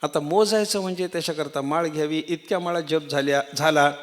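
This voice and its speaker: A male preacher giving a devotional sermon, weaving stories and repeating key phrases. His voice sits slightly high for a man, and he often turns to the listeners with rhetorical questions. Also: fairly even intonation, brisk. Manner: repeats phrases, acts out quotes, asks the audience rhetorical questions. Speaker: religious preacher.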